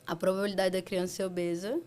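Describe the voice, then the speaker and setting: A woman pediatrician with a Brazilian accent, explaining calmly in a casual interview and acting out parents in quick asides. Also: fairly low pitch. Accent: Brazilian Portuguese. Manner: animated, acts out parents and children in quick asides. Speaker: pediatrician guest.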